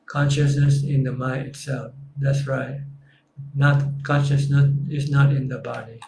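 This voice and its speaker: Male Buddhist teacher, even and unvarying tone, live Q&A answers, roomy echo. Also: mid-range voice, a little slow, vocal fry, a little hiss or hum. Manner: calm, simple, plain-spoken answers. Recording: echoey room.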